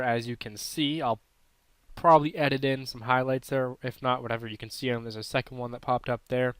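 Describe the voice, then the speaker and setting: A man's voice: medium pitch, fairly bright tone, clear, resonant tone, no room sound. A man with a throat irritation giving casual, unsure, self-correcting commentary while playing a mobile game. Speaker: gaming channel host.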